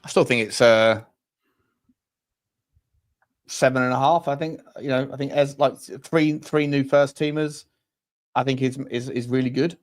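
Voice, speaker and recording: A man's voice: mid-range voice, steady tone, measured pace, long pauses. A man chatting casually as a football fan panellist, hesitant and repeating words as he thinks aloud. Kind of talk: casual chat.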